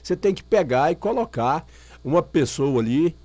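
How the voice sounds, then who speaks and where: A man's voice: on the high side, animated, normal speed, warm tone. A man from Brazil talking football on the radio as a guest, emphatic and opinionated, repeating his points. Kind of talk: casual radio chat.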